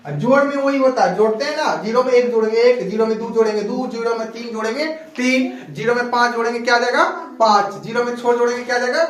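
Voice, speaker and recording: A man's voice: extremely high pitch, fast talker, few pauses, a little hiss or hum. A male math teacher in a classroom, asking students questions over and over and checking that they understood. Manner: repetitive call-and-response, keeps checking if students understood. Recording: very echoey classroom, distant mic.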